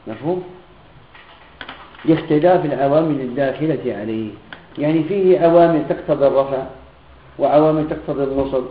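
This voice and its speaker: A man teaching a classroom grammar lesson who often checks that his students follow and repeats example phrases slowly. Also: fairly high pitch. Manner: keeps checking students' understanding with questions. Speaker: Islamic teacher. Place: room with students present. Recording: echoey, tinny lo-fi recording.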